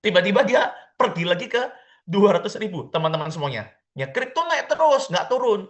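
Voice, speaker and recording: Man, crypto mentor, seminar talk, lively, acts out quotes, keeps calling out to the crowd. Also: high voice, a little fast. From Indonesia. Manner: lively, repetitive, keeps addressing listeners as friends; acts out quoted questions of traders.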